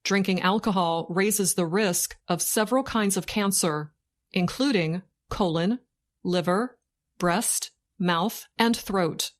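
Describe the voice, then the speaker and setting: A woman narrates a scripted news report for learners slowly and deliberately, in short phrases with pauses, like a dictation. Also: mid-range voice. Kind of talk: slow scripted learning-English news reading.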